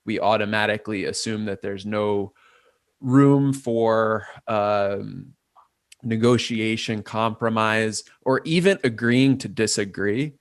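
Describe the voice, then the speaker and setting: Slow and low-pitched, this Port Chester, New York guest, an artist and designer, ponders ideas from every side in a relaxed interview. The recording is studio quality with no echo.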